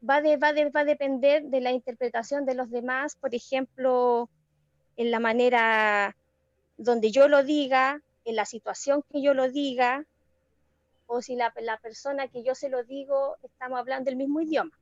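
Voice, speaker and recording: A woman presents to her class over a video call, explaining terms step by step with the odd hesitant pause. Her voice sits high and sounds dry and close. The call audio is somewhat muffled. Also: no echo. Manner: explanatory, measured, with hesitant fillers.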